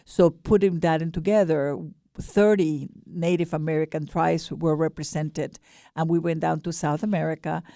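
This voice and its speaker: On the radio, a peace nonprofit's board director, an older woman with an Ecuadorian Spanish accent, answers with earnest, fairly even intonation at a moderate pace, often breaking off and beginning again. Her low voice is gravelly and dark-toned, captured dry and up close.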